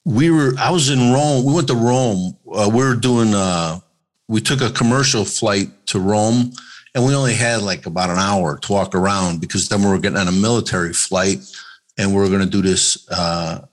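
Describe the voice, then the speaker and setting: A man from Chicago, a comedian guest, telling stories in a relaxed, animated way and acting out the people in them. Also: lowish voice, moderate pace. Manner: animated storyteller acting out voices. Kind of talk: casual interview storytelling.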